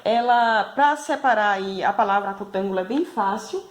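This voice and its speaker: A primary school math teacher with a Brazilian Portuguese accent gives schoolchildren a video lesson, explaining patiently and constantly checking in with tag questions. Her voice is medium-pitched at a moderate pace.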